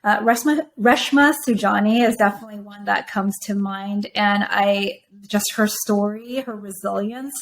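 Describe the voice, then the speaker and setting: A woman from Taiwan, a native Mandarin speaker, answering podcast interview questions in a measured, thoughtful way. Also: medium pitch, slight background noise. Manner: measured, thoughtful, with frequent fillers. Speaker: podcast guest, venture firm operator. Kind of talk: conversational interview.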